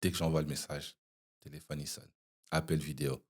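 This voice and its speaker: A young man, a podcast guest, telling an animated anecdote in casual chat, with frequent "you see" asides. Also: very deep voice, a little fast.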